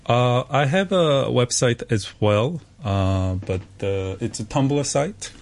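A man's voice: medium pitch, lively intonation, takes it slowly, slight background noise. A man from South Korea, a native Korean speaker, talking about his art as a guest in a radio interview, with many fillers and restarts. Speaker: artist guest.

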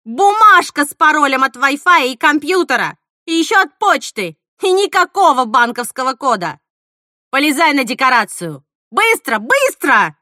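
Woman voicing a bitter killer actress for an audiobook: loud, bright, unhinged. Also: on the high side, sing-song, moderate pace, no room sound, studio quality. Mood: furious. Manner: hissing, shouting, unhinged. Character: bitter, vengeful actress Mila, a murderer. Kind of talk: audiobook reading.

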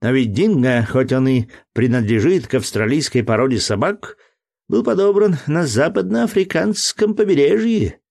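A man putting on a shrill, fussy scholar. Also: expressive, normal speed, vocal fry, darkish tone. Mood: fussy, lecturing. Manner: indignant, pedantic, lecturing. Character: fussy, excitable learned male entomologist. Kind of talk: audiobook character voice.

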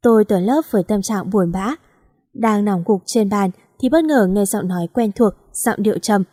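A woman narrating a first-person romance story as an audiobook, in an even storytelling read. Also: medium pitch, moderate pace, no echo, clean studio sound.

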